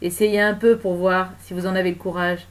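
A woman's voice: fairly low pitch, little pitch movement, brisk, lightly acted. A woman voicing a furious, humiliated cleaning woman who screams in defiance, in a storybook reading. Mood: defiant.

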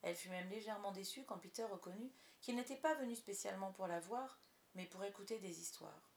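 A woman narrating a children's storybook in a soft, hushed manner, in a roomy recording. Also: medium pitch, a little fast, gravelly. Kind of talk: storybook reading. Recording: roomy echo.

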